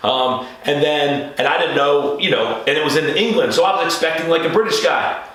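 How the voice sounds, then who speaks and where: A man's voice: a little high, fairly quick, a bit bright. A man hosting an interview podcast, chatting casually and rambling with many fillers and restarts. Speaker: podcast host. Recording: very echoey room.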